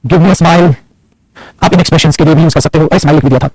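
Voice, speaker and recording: Fast, husky male grammar teacher. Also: fairly high pitch, a little mellow, no room sound, low-quality recording. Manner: addresses students as beta and putra ji, asks and answers his own questions; mixes Hindi explanation with English example sentences. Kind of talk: online grammar lesson.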